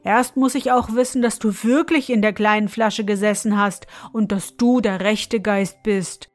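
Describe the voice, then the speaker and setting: A woman's voice: medium pitch, faint music behind, lightly acted. Woman doing a cool clever young student. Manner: calm, quick and cheeky.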